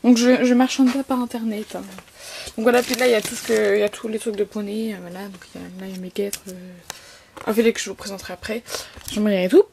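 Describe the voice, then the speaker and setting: A teenage girl vlogging casually at home, rambling with lots of fillers and restarts, her voice slightly hoarse. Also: medium pitch, fairly even intonation, fast talker, dark tone, a little hiss or hum. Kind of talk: casual vlog chat.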